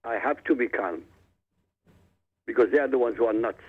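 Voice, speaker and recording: Over a tinny phone line, a man whose first language is Arabic speaks as a guest author in a radio interview. His voice is medium-pitched with a breathy edge and a moderate pace, and he's emphatic and combative, addressing listeners directly.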